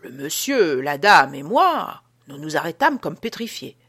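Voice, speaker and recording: A woman reading an audiobook as an old male prison guard telling an uncanny tale, with a dramatic, hushed delivery. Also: sits low, big pitch swings, a little slow, husky, full character voice. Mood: spooked. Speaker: audiobook reader.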